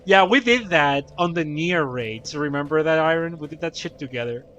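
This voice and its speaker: A man's voice: on the high side, animated, moderate pace, fairly bright tone, muffled recording, a little hiss or hum. A young man streaming a game, chatting casually and telling stories with laughter and frequent swearing. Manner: laughing, profane, rambling storytelling. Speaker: gaming streamer. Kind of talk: casual chat while playing.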